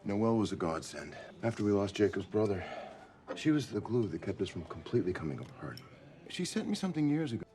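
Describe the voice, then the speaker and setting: An actor playing a remorseful older father who lives alone, speaking slowly and quietly with regret over a film score. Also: fairly low pitch, sing-song. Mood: tender. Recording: film audio with music score.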